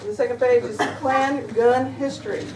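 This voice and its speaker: A woman with a fairly high voice walks her relatives through their family history in a chatty, joking way. She sits far from the mic in an echoey indoor room, and there is steady noise behind her. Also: normal speed. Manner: chatty explaining with little jokes. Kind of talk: informal presentation to relatives.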